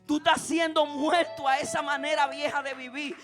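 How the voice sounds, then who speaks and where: Female preacher, high register, impassioned church sermon with music playing underneath. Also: fairly even intonation, moderate pace, fairly bright tone. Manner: impassioned, rising to emphatic peaks then dropping low and intimate; asks the congregation repeated rhetorical questions. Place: church service. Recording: preaching over background music.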